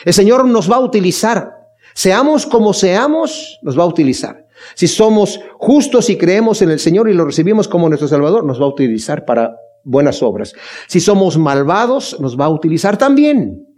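A male pastor delivers a sermon in a mellow, fairly high voice. He speaks earnestly and with emphasis, pressing his point with rhetorical questions. He addresses his congregation fondly. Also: sing-song, moderate pace. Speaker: pastor leading a Bible study.

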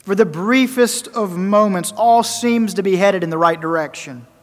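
High-voiced man preaching in a reverberant hall. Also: normal speed. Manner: emphatic, repeats phrases for effect, swings loud and soft. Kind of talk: sermon.

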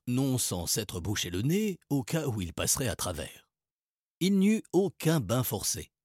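Husky male narrator for a children's storybook; animated, expressive delivery, dry recording. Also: medium pitch, no echo. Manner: lively, expressive reading. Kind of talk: storybook reading.

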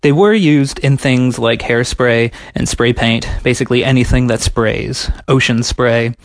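A man delivering a scripted comedic science explainer with sarcastic, deadpan asides. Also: mid-range voice, unhurried, vocal fry, no echo.

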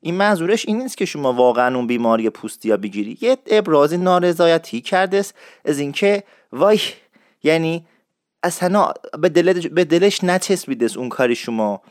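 A man teaching dialect expressions, explaining in a lively way and repeating words slowly for learners. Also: fairly high pitch, no room sound, studio quality. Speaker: language teacher.

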